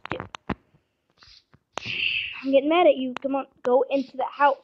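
A woman's voice: high voice, steady tone, moderate pace, highs cut off, slight background noise. A woman giving casual, rambling commentary on her game and coaxing the animals in it, recorded on a phone mic. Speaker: gameplay vlogger.

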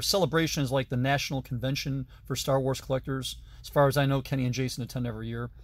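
A man's voice: medium pitch, dry recording. A man in his thirties giving a chatty, detailed tour of his toy collection, filmed on a handheld phone in a basement. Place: basement full of toys, indoors. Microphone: phone camera held at arm's length.

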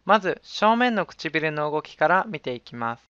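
A woman giving calm, scripted narration for a pronunciation lesson. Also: deep voice, normal speed, clear, resonant tone, no room sound. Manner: calm, instructive. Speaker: pronunciation teacher. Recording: dull, dry studio voice-over.

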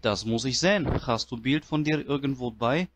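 A man's voice: medium pitch, normal speed, background noise, natural voice. A man doing a naive immigrant. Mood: puzzled. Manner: broken grammar, earnest and polite. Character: naive polite immigrant man, broken German. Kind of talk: comedic character monologue.

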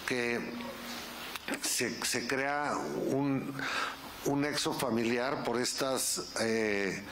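A middle-aged man speaking haltingly and repeating words, as at a press conference. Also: fairly low pitch. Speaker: club executive. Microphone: table microphone. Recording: faint ambient noise at press conference.

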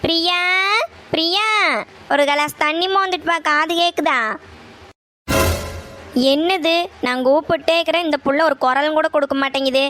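A woman's voice: sits high, fairly even intonation, moderate pace, pauses often, a bit bright, faint music behind. A woman voicing a nagging, scolding middle-aged mother in a cartoon, with a Kongu Tamil accent from Coimbatore. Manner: nagging, scolds then coaxes. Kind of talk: cartoon voice acting.

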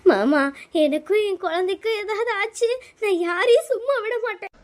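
A woman's voice: extremely high pitch, animated, moderate pace. A woman doing a tearful pregnant young wife. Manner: pleading, tearful. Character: frightened pregnant young daughter-in-law, pleading. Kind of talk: cartoon voice acting.

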